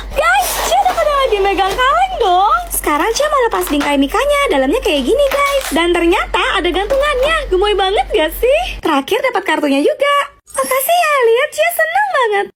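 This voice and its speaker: A woman's voice: extremely high pitch, sing-song, a little fast, heavy background noise. A woman acting out family roles in a comic skit, talking in a dramatic, whiny way. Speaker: skit creator playing several family roles. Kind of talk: comedic skit acting with music.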